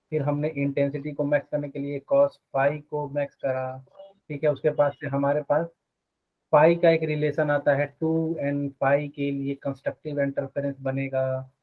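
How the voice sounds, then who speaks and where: A man teaching physics in a live online class. He explains step by step and keeps asking the students short questions. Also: mid-range voice. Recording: phone-like narrow sound.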